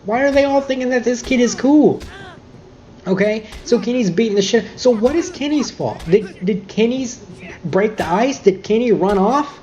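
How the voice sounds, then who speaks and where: A man's voice: very high voice, lively intonation, moderate pace, darkish tone, highs cut off, a little hiss or hum. A young man reviewing a game in a casual, irritated rant full of swearing and nitpicks.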